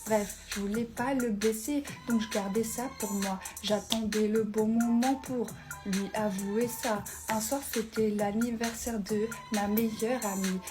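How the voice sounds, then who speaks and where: A young woman telling a personal story in a slow, confiding way. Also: medium pitch, steady tone, over music.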